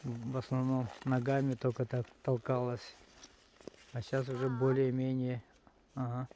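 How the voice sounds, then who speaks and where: A man's voice: mid-range voice, completely flat delivery, measured pace, warm tone. Man chatting outdoors over background noise. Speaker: father filming his children. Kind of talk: casual outdoor narration and chat with children. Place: outdoors on a snowy sledding hill. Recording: noisy outdoor home video.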